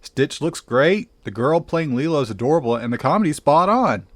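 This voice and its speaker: A man's voice: a little high, very animated, moderate pace, no echo. Sarcastic male film reviewer. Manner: exclamatory, sarcastic.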